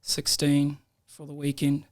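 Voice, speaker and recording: Unhurried and fairly high in pitch, a young man with a New Zealand accent chats casually as a guest in a podcast room. His storytelling is relaxed and slangy, broken up by frequent laughter.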